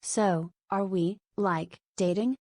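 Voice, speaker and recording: A woman reading the lines of a restless young woman, blunt and hopeful, in a plain, low-key audiobook delivery. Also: fairly even intonation, slow, darkish tone, no room sound. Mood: shy.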